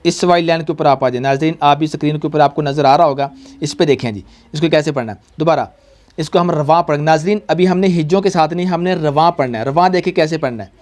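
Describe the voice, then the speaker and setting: A man's voice: on the high side, quick pace, darkish tone. A young man teaching a tajweed lesson, patient and repetitive, quizzing his pupils. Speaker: Quran reading teacher.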